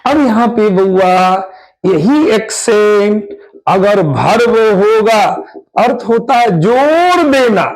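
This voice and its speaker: Slow, high-voiced grammar teacher. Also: male voice, big pitch swings, poor audio. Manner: slow, drawn-out explanations with repeated questions to students. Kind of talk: exam-prep grammar lesson.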